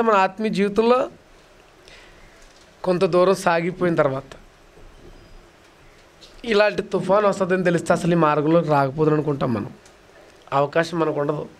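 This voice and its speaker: A man preaching a dramatic sermon, asking rhetorical questions and swinging between loud declaiming and soft asides. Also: high-pitched. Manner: dramatic, acts out voices of beggars and crowds, rhetorical questions.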